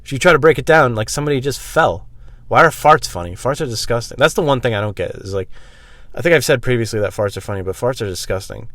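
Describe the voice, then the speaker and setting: A man's voice: mid-range voice, lively intonation, quick pace, fairly bright tone, dry recording. A man in a casual, rambling comedic monologue at a laundromat, blunt and profane, acting out bits of dialogue as he goes. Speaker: vlog host telling personal stories.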